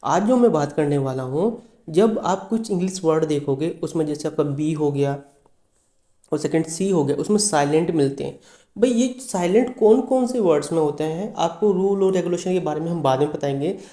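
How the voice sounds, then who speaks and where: A man's voice: on the high side, moderate pace, warm tone, echoey room. A man teaching a language lesson, asking and answering his own questions and spelling words letter by letter. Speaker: English teacher.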